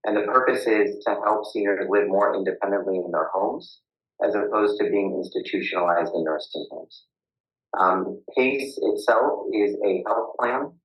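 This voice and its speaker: A man's voice: on the low side, normal speed. A man testifying as a witness over a video call, hesitant with many uhs and ums, his voice muffled as if talking into a can. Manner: hesitant, restarts with uh and um. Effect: muffled tin-can sound, as if talking into a can. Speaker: witness at a public hearing. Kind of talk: formal testimony with many fillers. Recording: echoey, dull lo-fi video call audio.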